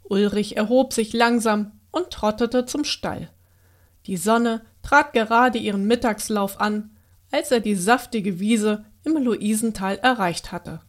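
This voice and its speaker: A woman reading a children's bedtime story aloud in a gentle, expressive way. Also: medium pitch, a little slow.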